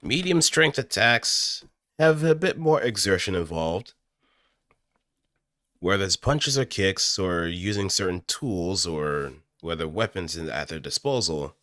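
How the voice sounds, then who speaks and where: At a measured pace, the deep-voiced man, an amateur voice actor, animatedly explains voice acting in a casual, improvised tutorial. His sound is crisp and dry, with no room sound, captured close on a studio microphone via an audio interface.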